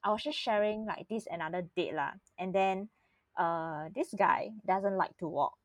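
A woman's voice: lowish voice, normal speed, no room sound. A young woman with a Singaporean accent chatting casually and teasingly in colloquial Singlish, full of sentence-end particles, with a giggly manner. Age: young adult. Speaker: podcast host. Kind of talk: casual chat.

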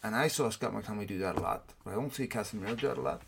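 A man's voice: fairly low pitch, rapid-fire, creaky, background noise. A man speaking with braces on his teeth, giving opinionated football punditry as a guest in casual discussion, repeating words for emphasis.

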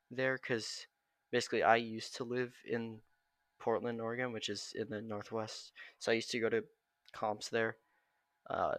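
A man's voice: on the low side, vocal fry, fairly bright tone, dry recording, clean studio sound. A teenage boy chatting as a podcast guest, hesitant and full of fillers. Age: teens. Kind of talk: casual podcast chat.

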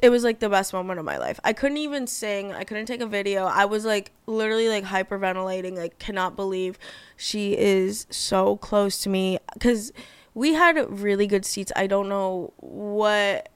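Young woman, podcast host, casual chat, bubbly, gushing, swears a lot, smooth voice, dry close sound. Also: medium pitch, normal speed, no room sound.

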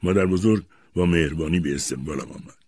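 Very husky low-voiced male narrator. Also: dry recording. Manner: expressive storytelling. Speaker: audiobook narrator. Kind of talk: scripted narration.

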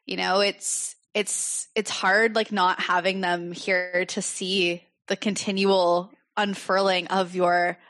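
A woman's voice: lowish voice, little pitch movement, takes it slowly, few pauses, fairly bright tone. A woman hosting a podcast, speaking in an effusive, heartfelt way to her guest. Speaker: podcast host. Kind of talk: podcast conversation.

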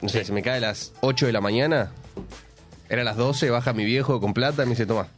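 A man's voice: medium pitch, brisk, faint music behind. A young man with an Argentine Rioplatense accent, a radio co-host making wry, teasing quips in casual banter. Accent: Rioplatense Spanish.

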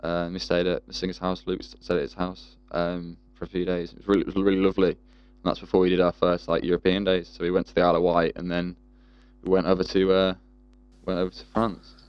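A man's voice: deep voice, monotone, fast, no echo, dull audio. A man in casual chat, rambling and swearing freely with lots of fillers. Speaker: guest musician.

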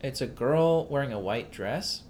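A man's voice: medium pitch, expressive, a little slow, darkish tone, a little hiss or hum. A man co-hosting a casual podcast about a film, rambling with many fillers and restarts. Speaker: podcast co-host.

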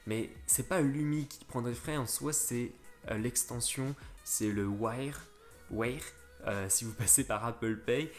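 With faint music in the background, a crypto tutorial host speaks in an unhurried, medium-pitched voice. He takes viewers through an app one step at a time, talking to them directly and frequently backing up to restart his sentences amid fillers.

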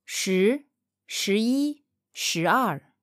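A woman modeling answers in a language course, pronouncing each phrase slowly and carefully and often saying it twice. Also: medium pitch, animated, no room sound, studio quality. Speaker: Mandarin speaker modeling answers. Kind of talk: slow repeated model answers.

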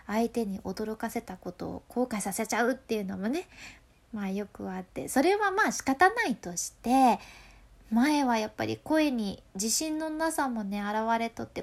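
A woman's voice: fairly high pitch, a little mellow. A woman with a Hakata accent explains voice control in a casual, playful way, laughing often. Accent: Hakata dialect.

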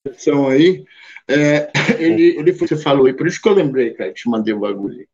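A man's voice: a little high, a little fast, a little mellow. A man from Brazil, chatting over a glitchy call that keeps cutting out, laid-back and full of slang. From southern Brazil. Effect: glitchy call audio that drops out. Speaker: guest musician. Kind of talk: casual remote chat over a call. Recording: dull lo-fi call audio.

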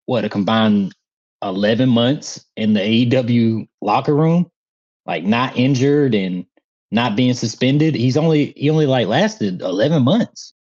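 A man's voice: medium pitch, a little slow, darkish tone. A man co-hosting a wrestling podcast in laid-back casual chat, wry and often laughing. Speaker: podcast co-host. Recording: slightly dull lo-fi mic.

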